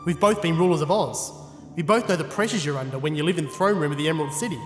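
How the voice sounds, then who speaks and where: An actor playing a gallant living scarecrow in an audio drama, earnest, fretful and emphatic. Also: male voice, a little high, rapid-fire, roomy sound, big-room sound, over music, natural voice. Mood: reflective.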